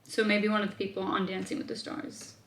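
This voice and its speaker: A woman's voice: mid-range voice, monotone, fairly quick, a bit bright, a little hiss or hum. A young woman from Australia, chatting casually as a vlogger and answering viewer questions, thinking aloud with lots of fillers. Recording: roomy echo.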